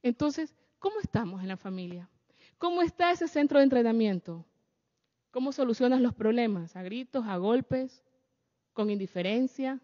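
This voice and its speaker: A woman with a high voice delivers a sermon-style talk. She keeps turning to her audience with questions. Her voice rings with a long hall echo and the sound is dull and lo-fi. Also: expressive, moderate pace, dark tone.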